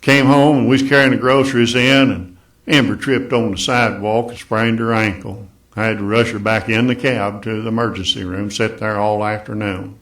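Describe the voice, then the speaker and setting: A man's voice: lowish voice, fairly even intonation, normal speed, fairly bright tone. Brief: a worn-out wife venting a long list of woes, a man quoting her, in his own Appalachian voice. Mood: exasperated. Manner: storytelling rant, listing troubles. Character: weary wife at her wits' end.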